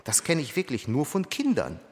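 A man's voice: a little high, huge pitch swings, moderate pace. Guy preaching a sermon, keeps asking the congregation stuff, voice rings out in a big church hall. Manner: emphatic, asks the congregation questions.

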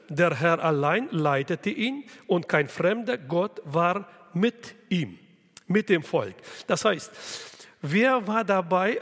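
A man delivers a sermon at an unhurried, deliberate pace. His voice sits a little high for a man. A long reverb trails each phrase, as if the recording were made in a large hall. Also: fairly bright tone. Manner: slow, deliberate preaching with rhetorical questions. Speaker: preacher.

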